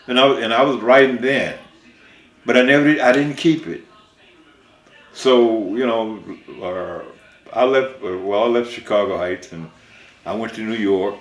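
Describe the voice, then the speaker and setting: Older man with a deep voice. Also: reverberant. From Mississippi. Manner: rambling, with many restarts. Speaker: songwriter. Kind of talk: recalling his life in an interview.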